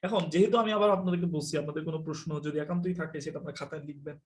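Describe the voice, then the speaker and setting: A man teaching a live online English class, explaining quickly and telling students to mute their mics. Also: fairly high pitch. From Bangladesh.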